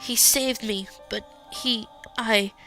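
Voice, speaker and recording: A woman's voice: a little high, steady tone, slow, pushed and bright, faint music behind, heavily acted. A woman playing a grieving wounded young woman. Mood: strained.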